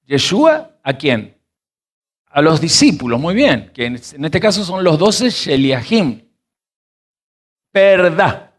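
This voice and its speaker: A man teaching a sermon. He reads verses, then explains word roots slowly and quizzes his listeners. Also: on the high side. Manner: animated, stretches key words slowly. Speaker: pastor teaching scripture.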